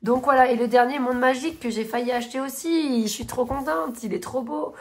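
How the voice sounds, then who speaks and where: A woman's voice: high-pitched, steady tone, fairly quick. Chatty French woman gushing over books. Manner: chatty and gushing, with many fillers and restarts. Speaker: coloring vlogger. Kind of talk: casual chat showing coloring books and finished pages.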